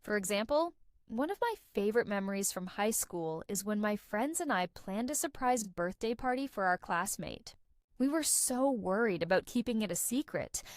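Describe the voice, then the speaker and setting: Expressive young woman, dry close sound. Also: medium pitch, no echo. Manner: expressive, conversational storytelling. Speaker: podcast host. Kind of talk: scripted narration for English learners.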